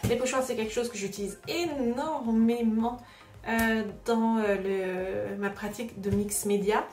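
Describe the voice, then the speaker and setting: A woman's voice: a little high, steady tone, a little slow, darkish tone, recorded from a distance. A woman hosting a casual craft unboxing vlog, chatty and hesitant, with many filler sounds. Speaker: craft vlogger host. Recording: roomy echo, voice away from the mic, music behind. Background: background music.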